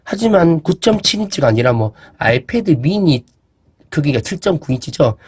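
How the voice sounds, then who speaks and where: With a slightly high, husky voice at a moderate pace, a man casually walks through an e-reader in a demo vlog. He chats freely, musing aloud and dropping in fillers and asides as he shows it.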